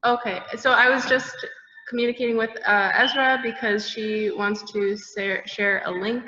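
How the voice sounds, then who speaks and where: A woman hosting an online open mic, thanking performers and introducing the next one with slow, gentle introductions. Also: a little high, fairly even intonation. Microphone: video call. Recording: dull lo-fi video call audio.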